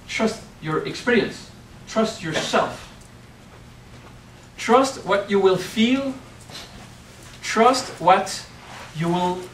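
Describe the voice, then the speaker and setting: A high-voiced, middle-aged Frenchman gives a playful spiritual workshop, regularly asking his audience "okay?". The hotel meeting room is recorded from a far camera, so the sound is echoey and distant, with a little hiss or hum.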